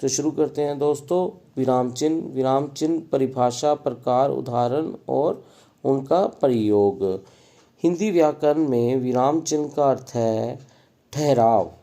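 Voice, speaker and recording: A man hosting his own channel, teaching a grammar lesson slowly and carefully, listing items one by one with pauses. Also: medium pitch, dark tone. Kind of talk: slow explanatory lesson.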